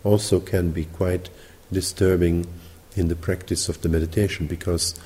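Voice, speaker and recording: A man with a mixed British, Dutch and Sinhalese accent, teaching meditation at a retreat in measured, explanatory phrases with pauses. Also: low-pitched, flat delivery, warm tone. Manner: measured, explanatory, pausing between short phrases. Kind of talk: spoken retreat instruction. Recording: reverberant hall.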